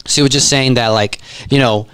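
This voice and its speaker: A man's voice: medium pitch, fairly even intonation, normal speed, a bit bright, clean tone. A young man co-hosting a podcast, chatting casually, loose and joking, laughing often. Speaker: podcast co-host. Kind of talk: casual chat.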